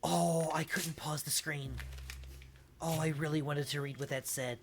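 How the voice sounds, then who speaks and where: A woman's voice: deep voice, fairly even intonation, a little slow, slight background noise. A woman streamer chatting and reacting aloud as she plays a game, laughing often. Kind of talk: let's play commentary.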